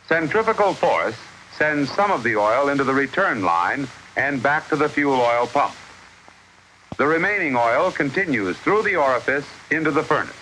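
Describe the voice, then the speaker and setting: Bright-voiced 1950s newsreel-style male narrator. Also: mid-range voice. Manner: old newsreel narrator delivery, formal and instructive. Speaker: instructional film narrator. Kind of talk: 1950s educational film scripted narration. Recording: noisy vintage 1950s film soundtrack.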